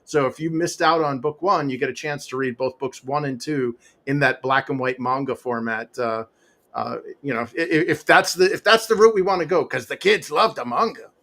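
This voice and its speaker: Here the man's mid-range voice has a sharp tone and a moderate pace. He's a comic author aged somewhere in his forties or fifties, guesting on an interview through a home podcast mic with a pop filter, and his rambling talk is loose and full of fillers, restarts and laughs.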